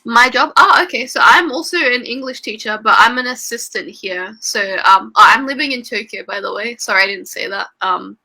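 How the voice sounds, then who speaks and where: A young Australian woman who tutors English chats casually over a video call, her fairly high voice brisk, bright and pushed, with hardly any pauses. She fills her speech with fillers and laughter, like a relaxed online lesson.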